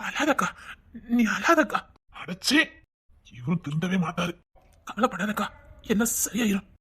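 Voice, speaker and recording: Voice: medium pitch, big pitch swings, unhurried, a bit bright, husky, heavily acted. A performer playing an earnest village man with a Tirunelveli Tamil accent, reassuring his aunt and muttering asides in a comedy skit. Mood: consoling.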